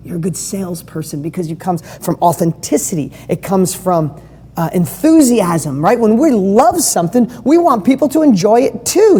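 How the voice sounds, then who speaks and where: An enthusiastic woman leads a live online training, chatty and full of questions for her listeners. Her voice sits low and mellow, and it carries a long reverb tail like a big hall. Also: breathy edge. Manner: enthusiastic and conversational, asks the audience questions. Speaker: business coach.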